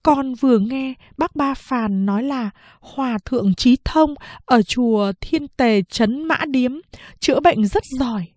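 A woman's voice: unhurried, a little mellow, no room sound. A woman voicing a bold young daughter-in-law with a raised, pleading tone, in a storybook reading. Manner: higher, pleading tone.

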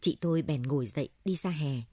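Low, husky woman narrating a story. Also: fairly quick, no room sound, clean studio sound. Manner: steady storytelling. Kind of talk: audiobook narration.

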